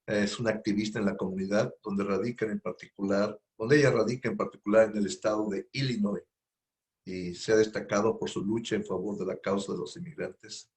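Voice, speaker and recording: A man's voice: fairly low pitch, fairly even intonation, a little fast, darkish tone. A man hosting a radio interview, giving a loose, rambling introduction full of fillers and repetitions. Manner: rambling, repeats himself, filler words. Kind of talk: spoken radio introduction, informal. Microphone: studio microphone.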